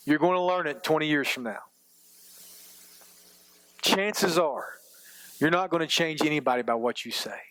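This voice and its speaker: Conversational pastor in his forties, slightly high. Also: fairly bright tone, low-quality recording. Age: 40s. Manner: conversational, self-deprecating, rambling asides. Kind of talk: sermon.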